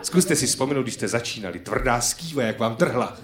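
A man's voice: medium pitch, expressive. A man doing stand-up comedy on stage, chatty and teasing the audience. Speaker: stand-up comedian hosting a live show. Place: theatre hall with live audience. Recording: roomy live hall sound.

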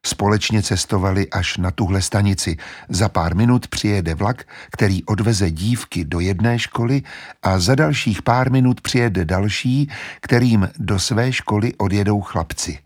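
A man narrating a children's story calmly and in a measured way. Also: lowish voice. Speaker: audiobook narrator. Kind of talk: scripted narration.

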